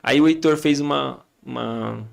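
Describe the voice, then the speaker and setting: A man's voice: mid-range voice, a little slow, creaky. A man in his thirties with a Brazilian Portuguese accent, a podcast guest telling stories about raising his kids and acting out the family's back-and-forth. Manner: storytelling, acting out family dialogue. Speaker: podcast guest, father and church leader. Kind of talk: casual chat.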